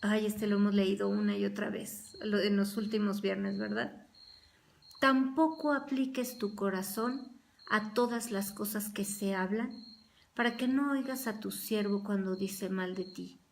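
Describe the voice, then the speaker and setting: An earnest woman church teacher gives a Bible study at a mid-range pitch. She talks with conviction and slips into other people's voices to act out small arguments. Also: fairly even intonation, a little slow, gravelly. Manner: earnest, acts out everyday quarrels in quoted voices.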